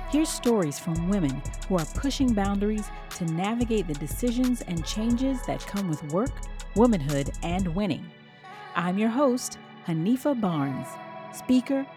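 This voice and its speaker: Energetic woman podcast host. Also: mid-range voice. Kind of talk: upbeat podcast hosting.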